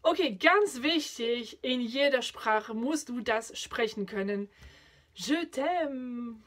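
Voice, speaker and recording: A woman from France, hosting a casual language chat, lively and quick to laugh. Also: on the high side. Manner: lively, laughs often, switches between French and German. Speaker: host.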